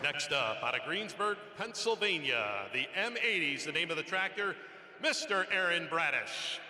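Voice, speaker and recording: A man announcing a tractor pull lineup over an arena PA, with showy, drawn-out introductions. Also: a little high, lively intonation, pushed and bright, a faint crowd. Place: large indoor arena. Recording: echoey arena PA with noise.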